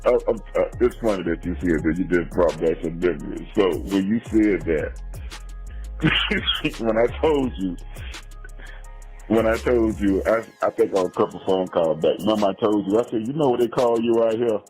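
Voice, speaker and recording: A man's voice: fairly low pitch, normal speed, darkish tone, soft background music, low-quality recording. A man telling a fond memory, laughing often and stumbling over repeated words.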